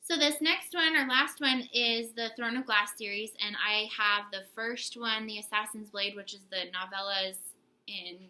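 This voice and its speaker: A woman's voice: medium pitch, normal speed, pushed and bright, rough recording. A young woman co-hosting a casual book haul video, chatty and giggly, teasing herself as she talks. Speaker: book channel co-host.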